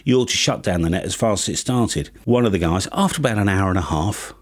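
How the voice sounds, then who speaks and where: Fast and animated, with a voice that sits low, a fiftyish British YouTube presenter covering ham radio talks to camera in a chatty, tongue-in-cheek comic monologue. The setting is a small home studio with acoustic panels, and he uses a studio mic on a boom arm.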